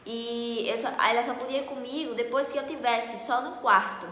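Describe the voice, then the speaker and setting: A young woman, casually telling a story to camera in an animated, dramatic way. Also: on the high side, normal speed. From Northeast Brazil. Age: late teens. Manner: animated, dramatic, acts out dialogue loudly. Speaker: vlogger. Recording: echoey room with long reverb.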